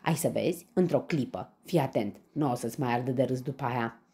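Lady voicing a cool clever meerkat kid, calm and sure, low raspy tone. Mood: confident. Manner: calm and confident. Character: clever bold young male meerkat.

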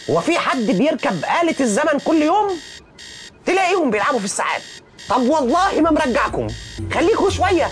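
Teasing egyptian woman, high lively voice, music going. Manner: mocking, scolding.

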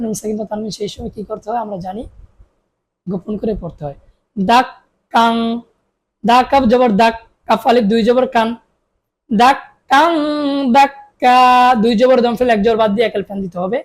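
Slow, drawling woman Quran reading teacher. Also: on the high side, a little mellow. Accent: Bangladeshi Bengali. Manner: spells syllables slowly then drawls them out, asks and answers herself. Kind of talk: spelling-out recitation lesson.

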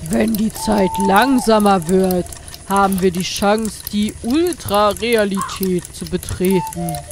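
A woman acts out a tall, theatrical skeleton gentleman from an adventure game. The kindly inventor draws out words at a slow pace, with clear noise behind. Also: medium pitch. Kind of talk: game dialogue read aloud.

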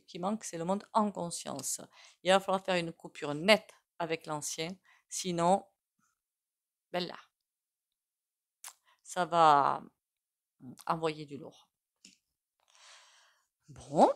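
Chatty low-voiced woman tarot reader. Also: slow, long pauses. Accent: non-standard French accent. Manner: chatty, many fillers and asides. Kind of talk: casual spoken tarot reading.

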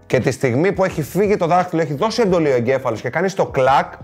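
A man's voice: on the high side, animated, slightly rough, faint music behind. A man co-hosting a show, chatting casually and joking along with his partner. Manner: chatty, quick to agree and joke. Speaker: co-host. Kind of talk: casual comedic chat.

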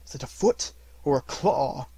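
An anxious old miser pleads in a slightly raised, husky voice, as a man puts him on. The sound is dry and close. It is a storybook reading. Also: animated, normal speed, mellow, no echo. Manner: raised and tense, slightly higher.

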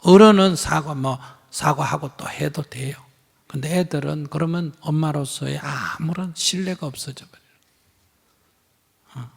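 A man's voice: fairly high pitch, measured pace, creaky, breathy edge. A man with a Gyeongsang accent, a Buddhist monk answering questions in a live teaching, blunt and emphatic, acting out bits of dialogue. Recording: hall reverb.

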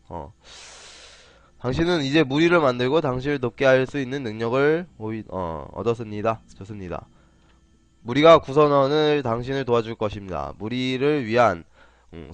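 A man casually commentating his own game play on a live stream, playful and chatty, often clearing his throat. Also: mid-range voice, expressive, a little fast, no echo. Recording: faint game music behind.

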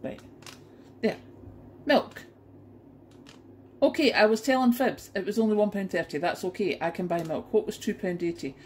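A woman's voice: mid-range voice, moderate pace, pauses often, a little mellow, low-quality recording. A middle-aged woman from the UK chatting to camera in her home kitchen as she unpacks her shopping, exclaiming at the prices. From United Kingdom. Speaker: vlogger showing a grocery haul. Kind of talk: casual chat to camera. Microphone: camera pointed down at a kitchen counter.

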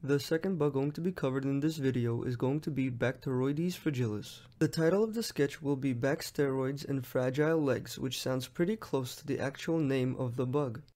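A man's voice: mid-range voice, moderate pace, few pauses, mellow. A young man, friendly and explanatory, narrating a drawing lesson for a medical exam as its host.

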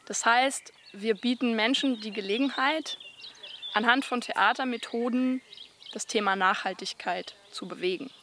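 A woman in her forties, a workshop facilitator, calmly explaining a theatre program in an interview outdoors. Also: fairly high pitch, unhurried, slight background noise. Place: outdoors under a tree.

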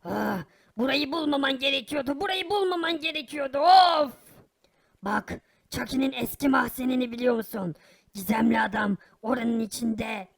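A shameless cartoon crook who speaks in a very gravelly tone set a little high. He wheedles and brags about his crimes as if they were nothing. The voice is sly and slippery. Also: moderate pace. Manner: sly, wheedling, casually boastful. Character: sly captured criminal, boastful and shameless. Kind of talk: animated cartoon voice acting.

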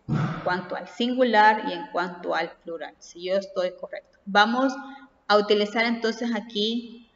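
A woman teacher giving a grammar lesson, speaking slowly and deliberately and often asking rhetorical questions. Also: mid-range voice, fairly bright tone. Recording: roomy, long reverb, dull lo-fi sound.

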